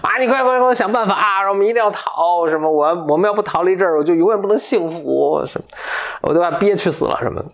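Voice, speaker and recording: A delicate young porcelain shepherdess, put on by a man retelling a fairy tale, pleads in a thin, high wail. She frets and begs like a pampered girl, her voice pushed well above a man's natural register. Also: fast talker, a bit bright. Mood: pleading.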